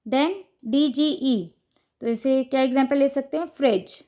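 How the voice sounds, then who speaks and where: ऊँची, मधुर आवाज़ वाली महिला शिक्षिका. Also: female voice, high voice, unhurried, mellow. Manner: patient, step-by-step explaining with frequent "ठीक है" checks. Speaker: teacher explaining phonics to parents. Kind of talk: explanatory lesson to camera.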